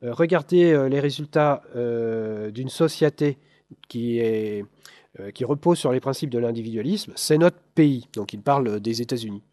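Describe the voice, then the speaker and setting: Speaking to a live conference audience with slides, a Frenchman delivers his lecture in a mellow, somewhat dark voice of medium pitch. His delivery is halting, full of fillers and restarts, spiced with dry remarks to listeners. There's no room sound; the audio is close and dry.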